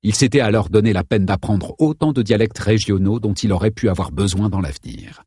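A man reading a novel aloud as an audiobook narrator, in a steady, measured way. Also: lowish voice, slightly rough, no room sound, clean studio sound.

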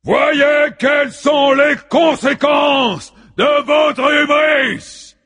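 A man voicing an enraged male king of the gods, booming slow, drawn-out threats. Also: steady tone, fairly bright tone, shouting, exaggerated voice. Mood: wrathful. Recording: distant, with long reverb.

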